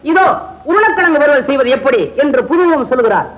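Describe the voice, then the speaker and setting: An actor playing a cocky, joking private detective in an old comedy scene, with a mocking, wisecracking manner. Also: male voice, very high-pitched, expressive, fast talker, a little hiss or hum. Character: cocky joking male detective, middle-aged. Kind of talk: 1960s Tamil film comedy acting. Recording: dull old film soundtrack.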